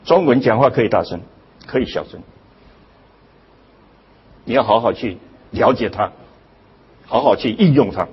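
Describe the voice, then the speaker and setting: Older male lecturer, husky voice, lively swooping pitch, dull lo-fi recording, emphatic and questioning. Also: moderate pace, long pauses, a little hiss or hum. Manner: emphatic, rhetorical questions, sudden jumps in pitch. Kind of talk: public lecture.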